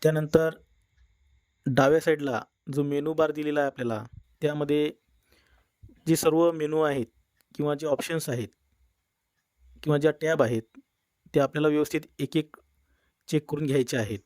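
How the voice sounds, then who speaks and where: A man narrating a step-by-step software tutorial in a plain instructional manner. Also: on the high side, fairly even intonation, normal speed, long pauses, no echo, studio quality. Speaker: tutorial presenter. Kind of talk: screen-recorded software tutorial.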